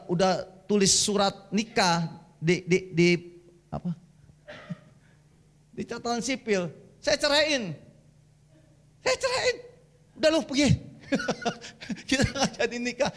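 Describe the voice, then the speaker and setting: A middle-aged man giving a humorous church sermon, telling lively stories in casual slang. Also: extremely high pitch. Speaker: guest preacher.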